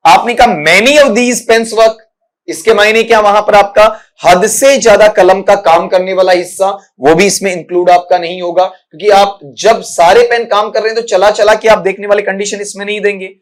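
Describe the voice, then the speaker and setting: A man's voice: high-pitched, fairly even intonation. Male English teacher. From India. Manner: repeats words slowly, addresses students as beta. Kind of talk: exam prep lesson.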